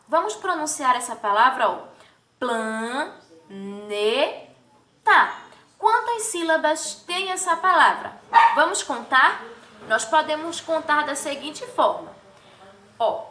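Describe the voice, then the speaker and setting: A woman teaching young children a lesson, drawing words out slowly and asking the class sing-song questions. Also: high voice, sharp tone. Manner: slow, drawn-out syllables for children. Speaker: primary school teacher. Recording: echoey room, distant from mic.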